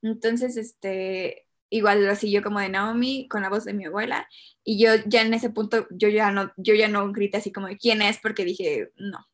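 A woman's voice: medium pitch, fairly even intonation, moderate pace. A young woman with a Mexican Spanish accent telling a personal story in casual chat, hesitant, with many fillers and nervous laughs.

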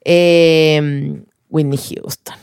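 A woman's voice: deep voice, level tone, very slow, a little mellow, clean tone, no room sound, studio quality. A young woman with a Chilean accent, co-hosting a podcast, reacting with short encouraging interjections. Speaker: podcast co-host. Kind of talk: casual chat.

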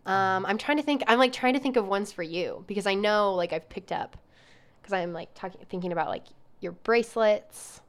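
A young woman co-hosting a relaxed podcast. She keeps the chat moving with upbeat questions. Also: mid-range voice, moderate pace. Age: young adult. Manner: upbeat, asks lots of questions. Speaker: podcast co-host. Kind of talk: casual chat.

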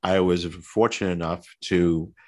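A man's voice: deep voice, fairly even intonation, a little slow. A man from Long Island with a Long Island New York accent, hosting a casual podcast interview in a jokey, self-mocking, chatty way. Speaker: podcast host.

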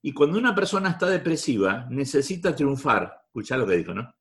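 Rioplatense man, motivational speaker, very animated intonation, hammering points home. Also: mid-range voice, brisk. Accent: Rioplatense Spanish. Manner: repetitive, emphatic, preachy. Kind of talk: live talk to an audience.

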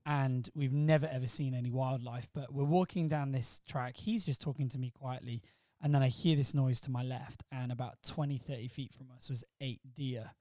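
Guesting on his wife's podcast, this middle-aged Welsh man, who says he doesn't sound it, tells stories with plenty of joking and teasing in a relaxed chat. His mid-range voice has a dark tone and fairly even intonation, moving at a moderate pace with hardly any pauses, in a dry recording.

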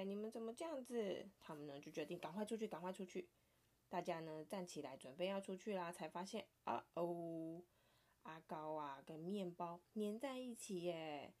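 A woman with a Taiwanese Mandarin accent reading a picture book aloud to her child, playful and animated, sometimes dropping to a soft whisper. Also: fairly low pitch.

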